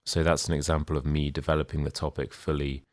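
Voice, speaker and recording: Young male tutor, modern British accent, very low voice, close dry sound, measured lesson delivery. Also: flat delivery, no echo. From United Kingdom. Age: young adult. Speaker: English speaking tutor. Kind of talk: explanatory language lesson with sample exam answers.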